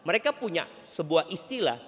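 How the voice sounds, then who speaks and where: A man preaching a sermon to a congregation, animated and playful, addressing the audience directly. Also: on the high side, fairly quick, long reverb tail.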